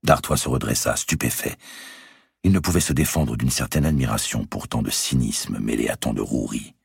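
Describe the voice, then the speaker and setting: A man reading aloud a historical novel in an expressive storytelling manner. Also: extremely low pitch, normal speed, vocal fry, slightly rough, no room sound, clean studio sound. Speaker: audiobook narrator. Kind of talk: scripted narration of a historical novel.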